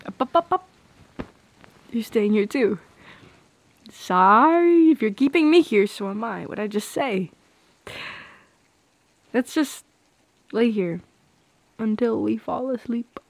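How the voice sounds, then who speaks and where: A young Polish-speaking woman performs an intimate ASMR roleplay close to the microphone, talking slowly, softly, and hesitantly, and often slipping into whispers. Her slightly high voice is expressive, gentle, and confiding, with no room sound.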